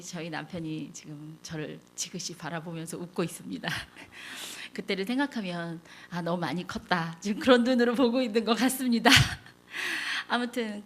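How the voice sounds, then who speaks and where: A middle-aged woman speaking as a lay seminar leader at a church, telling her story candidly and acting out the lines she once said. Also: fairly low pitch. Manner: candid storytelling, acts out quoted lines, laughs at herself.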